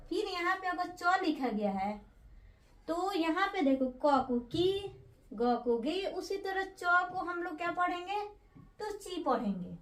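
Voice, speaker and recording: A woman with a very high voice teaches young children to read, patiently repeating each syllable and stretching it out. She sounds like she's in a bare, echoing room. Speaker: primary school teacher. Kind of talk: slow spelled-out Hindi phonics lesson.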